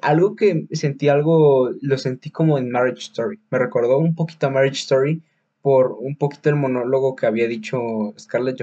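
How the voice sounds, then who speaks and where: A man's voice: medium pitch, dark tone, muffled recording. A man with a Mexican Spanish accent hosting a podcast, reviewing films in casual chat, rambling with many fillers, restarts and slang. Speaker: podcast host.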